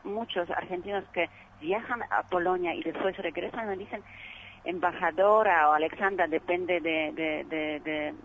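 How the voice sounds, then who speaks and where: Polish-accented woman on a dull, noisy line. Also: lowish voice. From Poland. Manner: halting, searches for words in non-native grammar. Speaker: ambassador being interviewed. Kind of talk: conversational radio interview. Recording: dull, noisy phone call.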